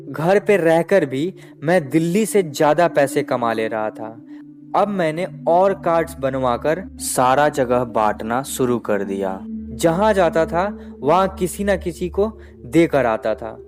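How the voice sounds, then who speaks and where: A man narrating a first-person horror story in slow, measured storytelling. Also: a little high. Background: background music.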